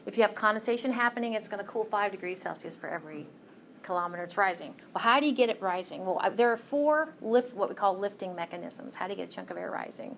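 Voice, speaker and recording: A woman's voice: mid-range voice, animated, fast, creaky, a little hiss or hum. A woman lecturing a college class, walking through each step and checking in with "okay?".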